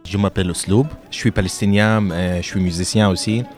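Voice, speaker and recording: A man from Lebanon answering interview questions about his music, speaking haltingly with frequent fillers and restarts. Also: low-pitched, fairly even intonation.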